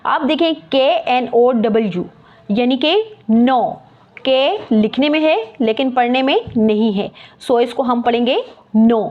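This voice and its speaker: A woman's voice: fairly high pitch, takes it slowly. A woman teacher explaining a lesson, spelling words out letter by letter and repeating key terms. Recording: muffled lo-fi recording.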